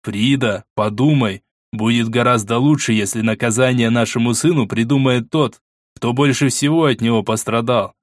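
A man's voice: medium pitch, moderate pace, dry recording, studio quality, lightly acted. A man as an earnest, insistent archduke. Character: worried, persuasive older archduke, husband.

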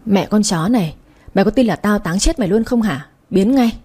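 A woman's voice: medium pitch, expressive, brisk, mellow, husky. A woman reading a brutal, scornful husband. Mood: harsh, threatening. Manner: harsh, threatening.

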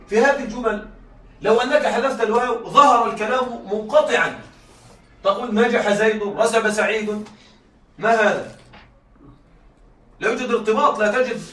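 High bright-voiced male teacher, echoey room. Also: distant mic, slight background noise. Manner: keeps checking students follow, repeats key points; reads examples slowly and deliberately. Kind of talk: classroom lecture.

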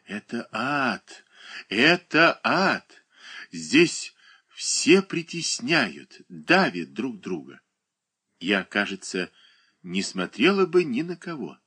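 A man voicing a sentimental, self-pitying woman who coos pet names in a slow, plaintive way. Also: on the low side, sing-song, bright, forceful tone, breathy edge, full character voice.

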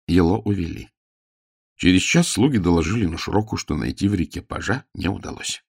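A man reading a story aloud in a dramatic, lively way. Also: low-pitched, fairly quick, creaky, slightly rough, no room sound, studio quality. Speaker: audiobook narrator. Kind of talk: expressive storybook narration.

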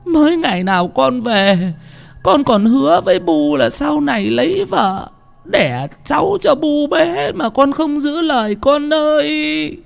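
A man's voice: high voice, sing-song, darkish tone, pitched above the performer's own voice, exaggerated voice. A man doing a frail, wailing old mother. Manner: wailing, pleading, drawn-out sobbing cries. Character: elderly peasant mother, frail, grieving.

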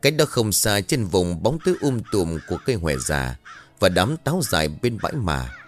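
A man narrating a ghost story in a slow, dramatic scripted style. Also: on the low side.

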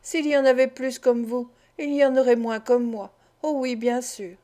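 A desperate young woman of the streets pleads through tears, read by a woman narrator. The voice sits fairly high yet sounds soft and mellow. This is an audiobook of a classic novel. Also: steady tone, moderate pace, close to an everyday voice. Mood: pleading. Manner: pleading, tearful.

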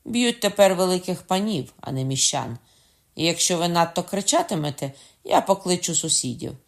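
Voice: mid-range voice, moderate pace, lightly acted. Brief: reader doing a cool, scoffing innkeeper who does not back down. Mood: calm mocking. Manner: unruffled and sarcastic. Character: calm mocking middle-aged innkeeper. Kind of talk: audiobook character voice.

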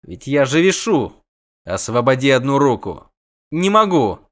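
A man's voice: medium pitch, lively intonation, measured pace, natural voice. A man voicing a proud sorceress who answers curtly and coldly. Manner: curt and cold. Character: proud, sharp-tongued sorceress in danger.

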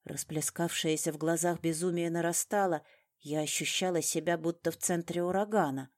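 A woman with a deep, low voice narrates an audiobook in the first person. She reads in a measured, dramatic way, with steady control over each sentence.

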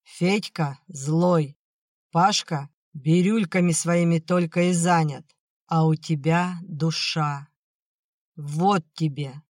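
A drunken, bitter old peasant father, as the audiobook narrator puts him on, dragging his words out slowly and loudly in a dry, close recording. He rails and mutters with a heavy, slurred weight on every phrase. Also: mid-range voice, dry recording, lightly acted. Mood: maudlin, self-pitying. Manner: shouting then maudlin, slurred. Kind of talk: audiobook acting.

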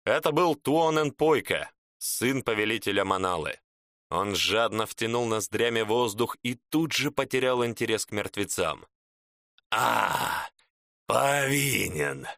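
A man narrates a dark story in a dramatic, measured way. His voice is bright and forceful, and the recording is close and dry. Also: lowish voice, animated, no echo.

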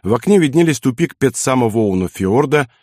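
A man narrating a war novel in a steady, measured audiobook reading. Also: medium pitch, dry recording, clean studio sound.

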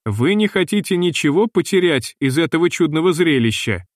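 A man reading the part of a gentle, refined young woman who speaks softly and slowly, in a dry recording. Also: fairly high pitch, lively intonation, no room sound, voice pushed up. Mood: admiring.

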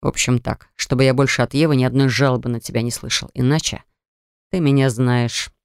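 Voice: mid-range voice, fairly even intonation, fairly quick, smooth, no room sound, studio quality, voice pushed down, natural voice. A reader voicing a cold, stern grown son who speaks in a clipped, scolding way, in an audiobook. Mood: icy. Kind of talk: audiobook character voice.

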